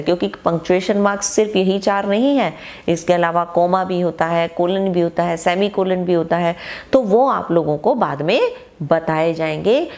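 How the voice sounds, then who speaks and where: Her voice on the low side, a woman teacher runs an online grammar lesson at an unhurried pace, reading each example sentence out with emphasis.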